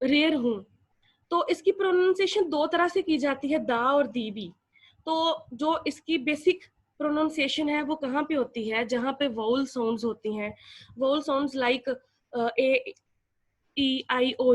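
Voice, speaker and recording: A young woman with a Pakistani accent teaching an English lesson, explaining word by word and switching between Urdu and English. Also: high voice. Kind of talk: classroom lecture.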